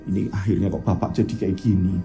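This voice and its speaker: A man's voice: low voice, steady tone, fast talker, creaky, dark tone, soft background music, voice pushed down. A man voicing a weary, grieving old mother.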